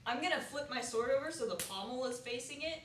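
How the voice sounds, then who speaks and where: A woman's voice: sits high, lively intonation, fast, recorded from a distance. A woman playing a tabletop game, chatting casually and animatedly about her moves. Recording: echoey room, off-mic, faint noise.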